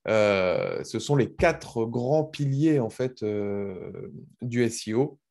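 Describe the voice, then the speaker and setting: A man's voice: mid-range voice, lively intonation, takes it slowly, darkish tone. A man presenting a webinar as a consultant, explaining the basics simply for beginners over a video call.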